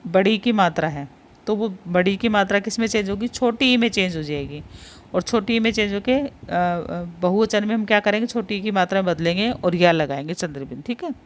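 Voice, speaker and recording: A woman's voice: medium pitch, a little fast, slight background noise. A woman teaching a Hindi spelling lesson. She says each word, repeats it, and patiently points out which ones are important.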